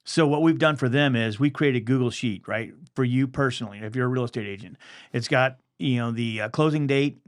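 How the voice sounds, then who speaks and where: A man's voice: mid-range voice, fairly quick. A man appearing as a podcast guest, explaining his business in casual conversation, often checking in with "you know" and "right?".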